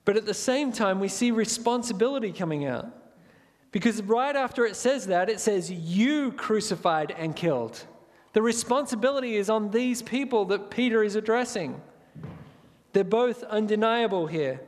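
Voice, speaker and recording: A man preaching a sermon, earnest and reading scripture slowly and gravely. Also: sits high, lively intonation, in a large hall. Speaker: pastor.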